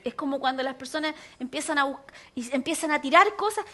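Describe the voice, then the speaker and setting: A woman pastor with a high-pitched voice speaks fairly quickly, preaching and relating a personal story with animation while voicing other characters.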